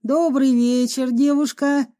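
A woman's voice: sits high, steady tone, warm tone. Woman voicing a polite middle-aged doctor. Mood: courteous. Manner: polite, welcoming, slow and measured. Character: plump, courteous middle-aged male doctor. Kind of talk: audiobook reading.

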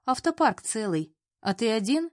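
A woman's voice: fairly high pitch, big pitch swings, normal speed, no echo, clean studio sound. A woman voicing a middle-aged mother who fusses and nags in a grumbling way. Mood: fussing. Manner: grumbling, nagging.

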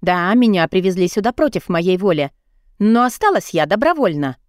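A woman's voice: mid-range voice, big pitch swings, moderate pace, no echo, clean studio sound, close to an everyday voice. A woman voicing a defiant young daughter who speaks in a raised, insistent way, her voice lifted above her usual register. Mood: calm.

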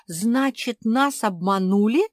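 An eager young female pug, voiced by a woman in a storybook. She fires off quick, excited questions in a raised, bright tone. The sound is close and dry. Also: on the high side, dry recording, voice pushed up.

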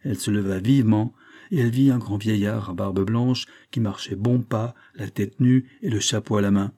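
Husky, dark-voiced male audiobook narrator. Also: on the low side, steady tone. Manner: slow, measured, descriptive. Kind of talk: scripted narration of a classic novel.

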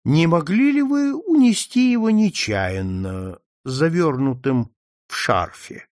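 A man voicing a calm, shrewd male detective who questions gently and conciliatorily. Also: on the high side, slow pace, no echo, studio quality, pitched above the performer's own voice. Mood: calm probing.

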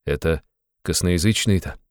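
A man's voice: sits low, moderate pace, clear, resonant tone, dry recording, studio quality, natural voice. A man voicing a brooding young man who talks in a sullen, clipped, abrupt way. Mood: gloomy.

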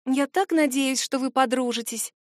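Woman reading a gentle, cheerful young mage. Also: sits high, moderate pace, no echo, studio quality, close to an everyday voice.

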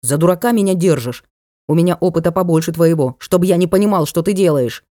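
A petulant young dark lord, voiced by a woman reading an audiobook sneers and sulks in a low, dark voice. He is scornful and quick to shout. The sound is dry and close. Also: lively intonation, dry recording. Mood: yelling. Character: sulky sarcastic young male dark lord. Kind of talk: audiobook character voice.

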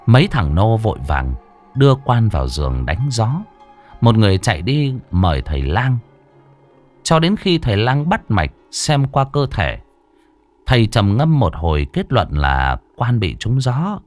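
A man's voice: fairly low pitch, unhurried, no echo, soft background music. A man narrating a horror folk tale in a dramatic storytelling style. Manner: animated, swooping delivery. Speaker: audiobook narrator.

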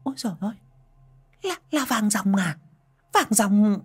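Man doing a shrill, panicky village wife, husky and high. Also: big pitch swings, a little slow, darkish tone, heavily acted. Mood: alarmed. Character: fretful older village wife.

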